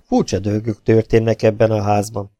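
A man's voice: on the low side, little pitch movement, warm tone, dry recording, highs cut off, lightly acted. A man reading an audiobook voices a sinister middle-aged baron, speaking politely but curtly and firmly, sometimes ceremoniously. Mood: cold courteous.

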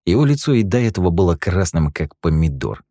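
Deep-voiced male audiobook narrator. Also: sing-song, fairly quick, dark tone, dry recording, studio quality.

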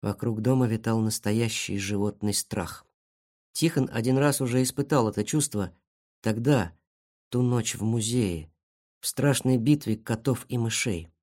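A reader narrating a children's animal story with an expressive reading. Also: mid-range voice, measured pace. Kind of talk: audiobook storytelling.

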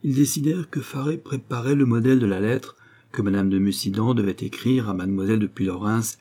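A man narrates a classic novel as an audiobook. His reading is steady and literary. His voice is dark and mellow, with a husky grain. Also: lowish voice, a little fast.

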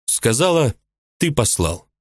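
A man voicing an angry, jealous young widow who shrieks and scolds, raising his voice high for her in an audiobook. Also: very animated, slow pace, dry recording, studio quality. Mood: furious. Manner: shrieking, scolding, tearful reproach. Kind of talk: audiobook character voice.

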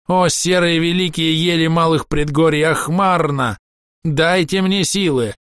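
Man voicing shrill frantic elf sorcerer. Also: a little slow, no room sound, clean studio sound, natural voice. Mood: frantic invoking. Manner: shrill, declamatory wailing. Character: frantic pompous male elf sorcerer, pleading.

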